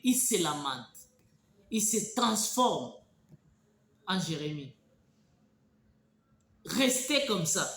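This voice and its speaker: A man's voice: high voice, fairly bright tone. Emphatic Congolese French man, roomy echo. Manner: emphatic storyteller, halting with restarts. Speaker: political commentator. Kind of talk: spoken political commentary.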